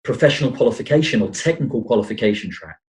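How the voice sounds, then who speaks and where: A man's voice: lowish voice, lively intonation, rapid-fire, low-quality recording. Brazilian-born man, self-deprecating and rambling. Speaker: podcast guest, financial planner. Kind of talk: conversational interview.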